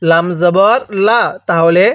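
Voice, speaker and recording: A man with a high, smooth voice leads a Quran reading lesson. He spells out letter after letter in a slow, drilled rhythm and tells the learner to repeat after him. The sound is dry and close. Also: a bit bright, no echo. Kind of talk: recitation lesson, call and repeat.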